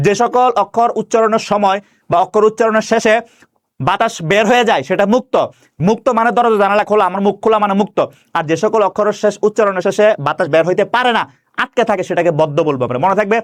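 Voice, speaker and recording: A man teaching grammar, asking questions and answering them himself and slowly stretching out example words. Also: high-pitched. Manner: stretches words slowly when demonstrating pronunciation. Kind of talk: classroom-style grammar lesson.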